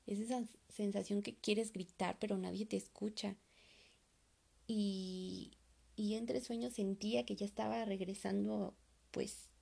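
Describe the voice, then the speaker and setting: Very creaky woman telling a tale. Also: medium pitch, mellow. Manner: loose conversational telling with frequent fillers. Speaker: storyteller. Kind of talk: casual first-person horror story.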